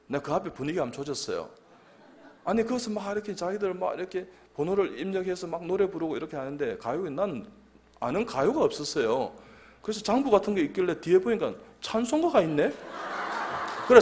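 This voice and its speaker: Male church elder, 50s, humorous testimony sermon, lively storyteller, slightly high voice. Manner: lively storytelling, acts out others' lines.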